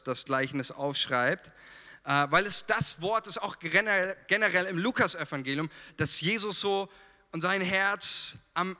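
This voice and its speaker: A man from Franconia with a Franconian German accent preaching a lively sermon, talking straight to his congregation with fillers and humor. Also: sits high, big-room sound.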